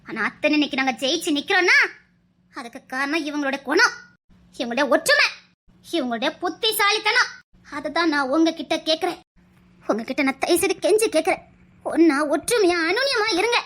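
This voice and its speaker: A woman's voice: very high-pitched, expressive, fairly quick, a bit bright. A woman playing an elderly mother-in-law who earnestly pleads and lectures her family, with a Tirunelveli Tamil accent. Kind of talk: family web-drama acting.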